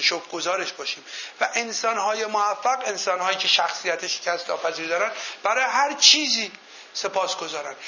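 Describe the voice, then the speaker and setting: A man's voice: sits high, bright, forceful tone, slight background noise. A man giving a motivational seminar talk in a room with a live audience, telling folk anecdotes and quizzing the listeners. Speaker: motivational speaker. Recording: dull lo-fi recording.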